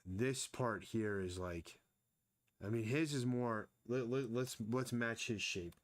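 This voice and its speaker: A man's voice: medium pitch, slow, no room sound. A man casually thinking aloud as he sketches and explains anatomy during a live drawing stream. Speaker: artist streaming his drawing.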